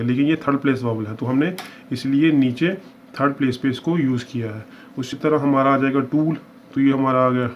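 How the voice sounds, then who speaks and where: A man teaching shorthand, explaining each example step by step and often checking that students follow. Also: medium pitch. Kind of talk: step-by-step lesson. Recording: dull lo-fi with faint hiss.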